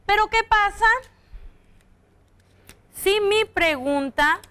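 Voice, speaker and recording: A young woman teaches young children in a televised lesson, her voice high and bright. She talks slowly and patiently, drawing out example sentences to show their intonation. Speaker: primary school teacher.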